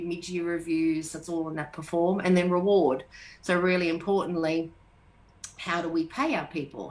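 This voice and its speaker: A middle-aged Australian woman speaking in a somewhat low voice. She answers interview questions in a calm, explanatory way, working through her points one by one with frequent "um"s. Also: poor audio. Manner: measured, explanatory, lists points with fillers. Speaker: HR manager, interview guest.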